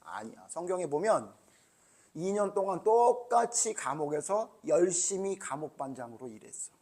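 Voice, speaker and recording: A man's voice: high-pitched, very animated, moderate pace, a little mellow. A man preaching a children's Sunday school sermon, talking casually and asking the children lots of questions. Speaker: pastor.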